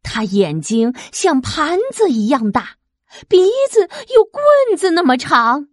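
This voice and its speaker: A woman reading a children's storybook aloud, expressive and lively. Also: high-pitched, dry recording, clean studio sound. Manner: slow, lively, expressive, sound effects.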